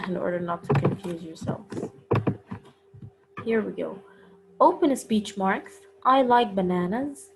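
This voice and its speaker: A woman teaching punctuation in a recorded lesson, explaining each step slowly and carefully. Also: mid-range voice, creaky, very noisy. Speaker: English teacher.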